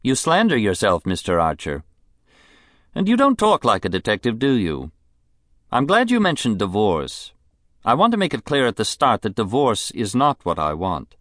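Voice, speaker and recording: A man's voice: lowish voice, huge pitch swings, normal speed, a bit bright, dry recording, studio quality, voice pushed up. A man voicing a bitter, mocking rich woman. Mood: cool, bitter. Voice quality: clear, fresh, with a bitter edge. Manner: languid, mocking, contemptuous. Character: sharp-tongued bitter rich woman, middle-aged. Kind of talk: audiobook character voice.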